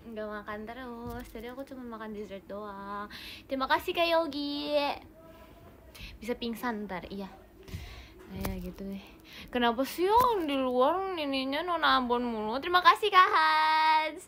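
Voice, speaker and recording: A woman's voice: sits high, sharp tone, a little hiss or hum. A young woman hosting a casual phone livestream, bubbly and giggly as she chats and thanks fans for their comments. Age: young adult. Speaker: idol livestreamer. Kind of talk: casual livestream chat, reading fan comments. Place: indoor room.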